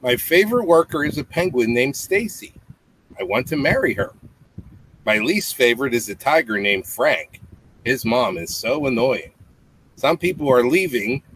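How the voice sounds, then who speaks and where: Recorded on clearly noisy home webcam audio with clicks, in a small indoor room with a low tiled ceiling, a father in his fifties reads a children's bedtime story aloud. He explains things simply for young listeners in a mid-range, fairly bright voice with lively intonation and a moderate pace.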